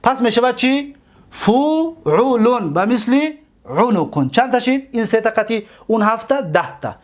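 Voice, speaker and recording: A man with a Tajik accent teaching a grammar lesson, asking questions and answering them himself, and drawing out example words slowly. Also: extremely high pitch, lively intonation. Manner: slow, drawn-out on example words.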